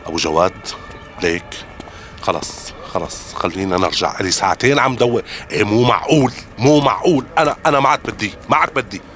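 A man's voice: mid-range voice, expressive, rapid-fire, hardly any pauses, a bit bright, a little hiss or hum, lightly acted. A middle-aged man with a Levantine Arabic accent playing a weary displaced father and former lawyer, hesitant and apologetic.

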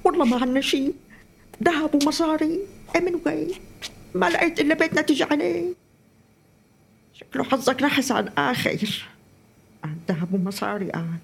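Brief: actress as chatty elderly Syrian mom, tender, high voice. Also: female voice, fairly quick, vocal fry, long pauses. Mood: wry, wistful. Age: older. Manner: talkative, tender, emotional. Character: lonely elderly mother, warm, chatty, wistful. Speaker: mother. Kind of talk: scripted drama acting.

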